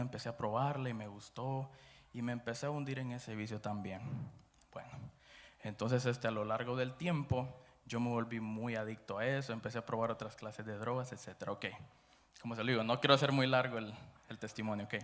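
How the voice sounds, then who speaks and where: A man from Guatemala with a Guatemalan Spanish accent, giving his church testimony in an unscripted storytelling way, full of fillers, his voice dropping low when he recounts dark moments. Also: fairly even intonation, fairly quick. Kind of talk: personal testimony after prayer. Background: background music.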